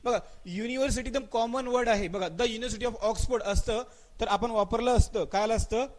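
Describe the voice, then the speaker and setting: A man with a fairly high voice and a Marathi accent runs a live online grammar class. He quizzes students by name, answers his own questions and repeats them, and slows right down to spell out English example sentences. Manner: mixes English words into his speech, stretches out spoken example sentences.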